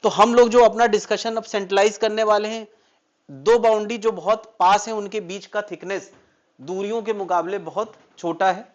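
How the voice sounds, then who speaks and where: A man teaching physics, asking the class questions and answering them himself. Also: high-pitched. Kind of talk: classroom lecture.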